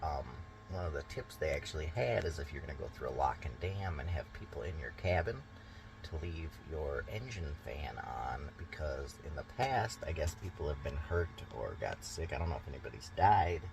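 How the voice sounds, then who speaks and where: A man's voice: rumbling low, vocal fry, background noise. A man vlogging from a boat on a river, talking in a rambling, chatty way with many fillers. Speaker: boating vlogger. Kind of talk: casual vlog narration.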